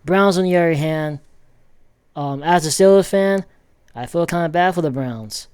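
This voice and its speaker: Guy rambling about football w lots of ums, kinda high smooth voice. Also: normal speed, a little mellow, no echo, clean studio sound. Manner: rambling, many ums and restarts. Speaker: football commentator. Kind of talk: casual sports commentary vlog.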